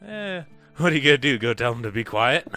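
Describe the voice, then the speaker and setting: Lively, bright-voiced young gamer guy. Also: medium pitch, fast talker, faint music behind. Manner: joking, laughs often, excitable bursts. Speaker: gaming channel host. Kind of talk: casual gameplay commentary.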